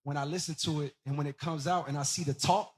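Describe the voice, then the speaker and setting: A man in casual chat, speaking earnestly and haltingly, with many "like" fillers. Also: on the high side, fairly even intonation, background noise.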